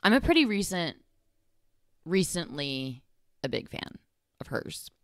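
A woman's voice: fairly low pitch, very animated, measured pace, no echo, studio quality. A young woman from Texas hosting a podcast, talking on her own in a rambling way, full of fillers and self-corrections. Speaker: podcast host. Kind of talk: casual solo podcast monologue.

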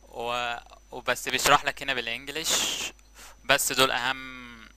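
A man with an Egyptian Arabic accent giving a casual, relaxed screen-recorded tutorial and explaining each step as he goes. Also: medium pitch, moderate pace, smooth, low-quality recording. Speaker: tutorial presenter.

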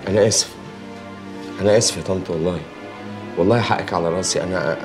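An actor with an Egyptian accent playing a stressed husband who flares up and then apologizes. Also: male voice, low voice, fast talker, music in the background. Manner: defensive, flares up, then pleads.

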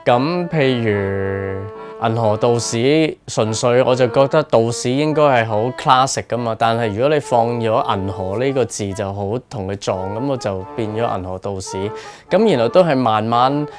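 With music behind him, a Hong Kong Cantonese-accented man in his forties reflects casually during a small-studio interview about his work writing and performing radio drama. His mid-range voice moves at a moderate pace.

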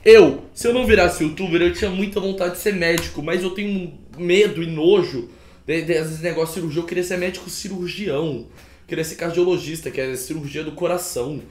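A young man with a Brazilian accent, reacting to a video in casual commentary and telling stories in an animated, slangy way with plenty of swearing. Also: a little high, fairly quick. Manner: animated, slangy storyteller who swears freely. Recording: roomy echo, faint background noise.

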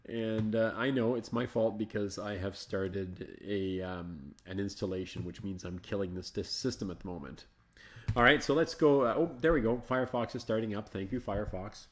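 A man hosting a live Linux show, chatting casually and thinking aloud as he installs and explores software, coaxing slow programs along. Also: fairly low pitch. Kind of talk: casual live screencast commentary.

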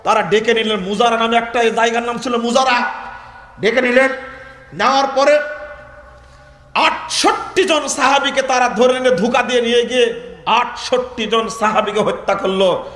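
A man preaching a dramatic storytelling sermon, swinging from hushed lines to shouted ones. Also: extremely high pitch, steady tone, moderate pace, roomy sound, in a large hall.

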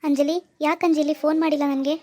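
A woman's voice: high-pitched, little pitch movement, quick pace, dark tone, no echo, close to an everyday voice. A woman voicing a heartsick young male suitor who pleads and complains in a village family drama. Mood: pleading.

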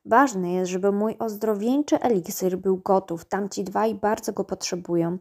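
A woman's voice: mid-range voice, normal speed, close to an everyday voice. A woman voicing a bossy, scolding old female gnome healer in a storybook reading. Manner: scolding, brusque.

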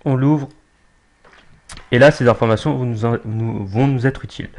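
A young man giving a casual screen-recorded software tutorial, hesitant, with many fillers and restarts. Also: mid-range voice, moderate pace. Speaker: tutorial maker.

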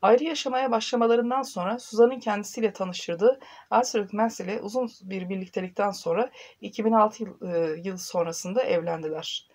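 A young woman reads a life story aloud for her channel, recorded close on a phone in a small room. Her delivery is even and read-from-script, broken now and then by hesitant "e" fillers. Her pitch sits in the ordinary middle for a woman. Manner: reads steadily with filler pauses. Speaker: channel host. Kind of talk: reading a biography to camera.

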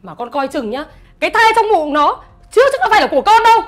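A woman's voice: big pitch swings, quick pace. A woman playing a scornful, scheming mother-in-law who nags and wails melodramatically. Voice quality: shrill, scornful, melodramatic wailing. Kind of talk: web drama acting.

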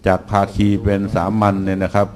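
A middle-aged man delivers an engineering seminar lecture, relaxed and heavy on filler words, tossing dry jokes to the class. His voice sits low and he talks fast.

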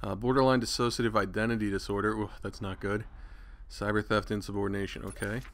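A man's voice: fairly low pitch, little pitch movement, quick pace, fairly bright tone. A man giving casual, irreverent commentary while playing a video game, chatty and swearing freely. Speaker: gaming channel host.

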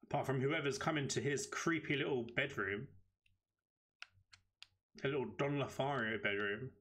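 A British man giving chatty, excitable live commentary as he streams a game at his desk microphone. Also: medium pitch, moderate pace. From United Kingdom.

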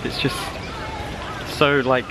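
A man's voice: takes it slowly, a crowd in the background. A young man in his twenties, chatting upbeat and playful to a handheld camera while walking around a city. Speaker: travel vlogger. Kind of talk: casual vlog narration. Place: outdoors on city streets and in shops. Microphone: handheld camera at arm's length. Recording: loud street noise behind.

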